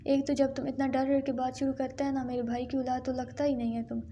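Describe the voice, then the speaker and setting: A stern old grandmother who rules her household, scolding in broken, Pashto-flavored Urdu, as a woman narrator puts her on. The voice sits high and rather flat, with a mellow, unforced tone. It is read as a scene from an audio novel. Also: a little hiss or hum. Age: older.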